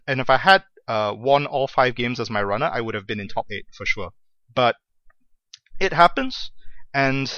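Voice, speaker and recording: A man's voice: medium pitch, pushed and bright, no echo, muffled recording. A man chatting as a podcast guest, self-deprecating and laughing often. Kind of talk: casual chat.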